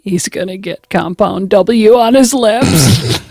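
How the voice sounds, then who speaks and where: A woman making deadpan one-liners over an old movie. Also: mid-range voice, takes it slowly, gravelly, dry recording, studio quality, soft background music. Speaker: comedy riffer. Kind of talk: joking commentary over a movie.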